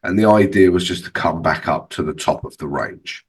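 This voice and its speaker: This deep-voiced man sounds like his throat is sore and swollen as he hosts a casual trading tutorial, walking viewers through charts. He's a trading channel host and analyst, talking conversationally at a moderate pace with frequent checking tags, picked up on a distant mic.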